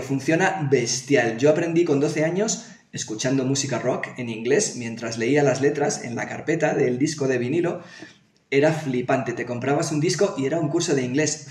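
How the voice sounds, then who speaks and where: A man from Spain teaching English pronunciation in a casual video lesson, playful and sounding out words slowly. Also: mid-range voice, darkish tone. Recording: echoey room.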